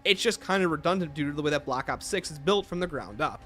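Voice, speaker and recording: A man's voice: fairly high pitch, animated, fast, pushed and bright, soft background music. A man hosting a livestream, giving opinionated casual commentary and answering chat messages aloud. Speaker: livestream host.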